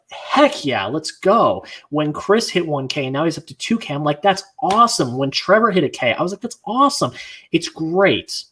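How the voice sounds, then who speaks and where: A man hosting a livestream, chatting casually in an earnest, rambling way that grows animated when he is frustrated. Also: fairly high pitch. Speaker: livestream host.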